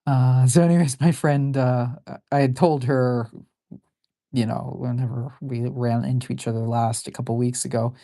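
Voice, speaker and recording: Lady with a super deep mellow voice rambling while she draws on stream, lots of ums, kinda self-deprecating. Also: fairly even intonation, normal speed, no echo, clean studio sound. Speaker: artist drawing on a live stream. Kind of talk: casual chat while drawing.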